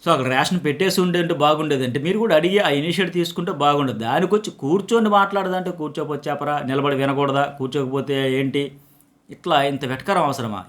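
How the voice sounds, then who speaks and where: A middle-aged man, a journalist giving emphatic commentary on a reality show and acting out quotes from it. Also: fairly high pitch. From Telugu-speaking India.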